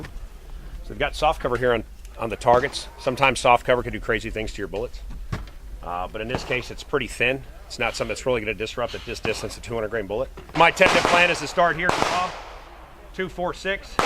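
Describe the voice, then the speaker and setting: Man explaining a stage outdoors, noisy audio. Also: a little high. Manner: matter-of-fact, explanatory, counts out shot sequences. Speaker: competitive pistol shooter and vlogger. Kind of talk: casual on-location walkthrough. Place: outdoor shooting range.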